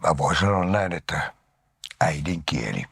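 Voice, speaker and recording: An older man from Finland, an actor giving an interview, telling anecdotes about his life and often sinking into a breathy half-whisper. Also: extremely low pitch, lively intonation, no echo, clean studio sound. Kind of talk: reminiscing interview talk.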